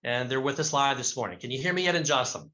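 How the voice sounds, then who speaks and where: A man's voice: mid-range voice, animated, very fast, sharp tone, dull audio. A man hosting a live online event, chatty and friendly as he introduces guests and tells an anecdote. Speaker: host.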